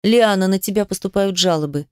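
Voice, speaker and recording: A woman voicing a middle-aged female ballet company director who speaks in a measured, quietly pressing way. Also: medium pitch, clean tone, no echo, studio quality, lightly acted. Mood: stern.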